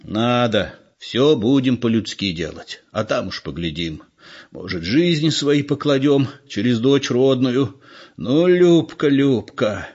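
A shrewd old village man grumbles and scolds in a gruff voice, as a male reader puts him on. He is a sly storybook elder. The recording sounds dull and lo-fi. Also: medium pitch, animated, takes it slowly, darkish tone, voice pushed up, full character voice. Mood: grumbling.

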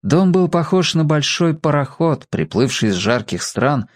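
Expressive man reading a story. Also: fairly high pitch, measured pace, no room sound, studio quality. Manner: expressive, voices the characters. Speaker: reader of a children's story.

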